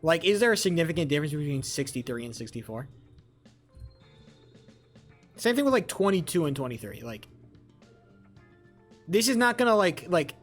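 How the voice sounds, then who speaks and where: A young man in his twenties, pitched a little on the high side, riffs and rambles at his live-stream chat. He swears often and talks back to viewers, with faint music playing behind him. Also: very animated, normal speed, pauses often. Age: 20s.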